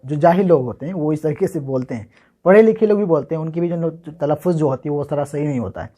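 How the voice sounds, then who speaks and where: With a fairly high, warm voice, slightly raised, a Bihari man from India teaches Urdu handwriting casually. He asks questions and answers them on his own, spelling words letter by letter and slowly repeating them many times.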